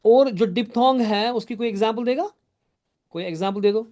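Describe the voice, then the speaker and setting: A man's voice: high voice, normal speed, a little mellow. A male teacher lecturing a live class, explaining step by step, often checking that students follow, and praising their answers. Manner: addresses students by name and answers their typed questions.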